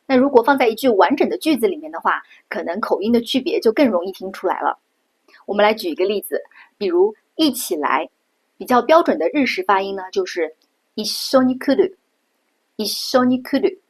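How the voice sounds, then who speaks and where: A middle-aged woman from China giving a patient pronunciation lesson, slowing down and repeating sounds to show them. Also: medium pitch, very animated, husky. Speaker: Japanese language teacher.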